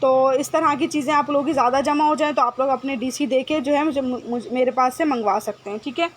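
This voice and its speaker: A woman hosting a live-stream clothing sale, talking briskly and checking with viewers again and again. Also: sits high, slight background noise. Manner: brisk, repetitive, checks with "okay?" often. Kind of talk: live-stream sales chat. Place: home room with generator noise.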